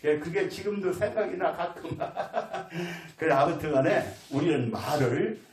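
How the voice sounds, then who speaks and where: A man's voice: fairly high pitch, measured pace. A man preaching a storytelling sermon, in a folksy way, acting out the voices of people in his story. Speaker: pastor. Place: church sanctuary. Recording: echoey church hall, mic at a distance.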